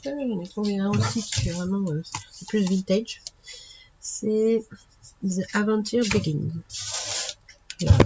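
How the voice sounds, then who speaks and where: Slow-talking woman with a gravelly voice. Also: lowish voice. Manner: unhurried, chatty, many fillers. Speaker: craft channel host. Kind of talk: casual haul video. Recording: lo-fi with audible background noise.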